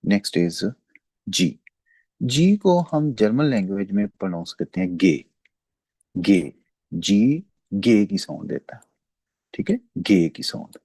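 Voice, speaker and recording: A man teaching pronunciation in a slow, patient lecture. His voice is low and mellow and rises and falls a lot as he repeats each word. The recording is close and dry. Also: very animated, dry recording. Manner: explains slowly, repeats words and says "theek hai" often. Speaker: German language teacher.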